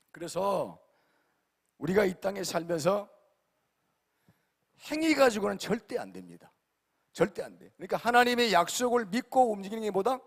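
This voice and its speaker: A male pastor preaching an emphatic sermon, repeatedly questioning his congregation and swinging between loud and quiet. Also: sits high. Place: large church sanctuary. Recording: long hall reverb.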